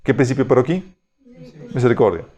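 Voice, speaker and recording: A man's voice: medium pitch, lively intonation, fast, warm tone. A man teaching a Bible study in a conversational way, reading passages aloud and often checking that his listeners follow.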